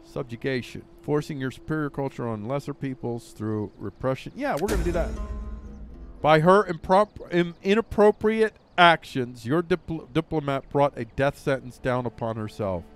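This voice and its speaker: A man hosting a let's play, giving casual commentary on his strategy game with theatrical mock grief and loud outbursts. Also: on the high side, lively intonation, normal speed, soft background music.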